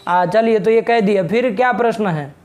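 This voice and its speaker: A middle-aged man teaching a Sanskrit grammar class online, brisk and scolding as he presses a student to state his question clearly. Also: high-pitched, darkish tone.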